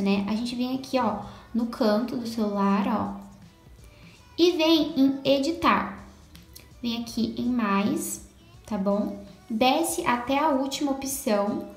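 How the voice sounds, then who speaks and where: Chatty brazilian girl explaining her phone setup, kinda high voice, echoey room, music underneath. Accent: Brazilian Portuguese. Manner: chatty, talks straight to viewers with lots of "tá?" and "né?". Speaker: lifestyle vlogger. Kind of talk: casual phone tutorial.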